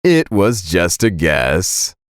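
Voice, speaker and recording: A man voicing a cold, vengeful middle-aged father who speaks in a low, smug, threatening way. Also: lively intonation, a little slow, darkish tone, dry recording, studio quality. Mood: smug menacing.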